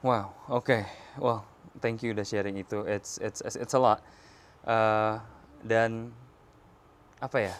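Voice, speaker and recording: A man's voice: lowish voice, steady tone, slow, pauses often. A man hosting a casual interview, mixing Indonesian and English and backing the guest with frequent affirmations. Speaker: host.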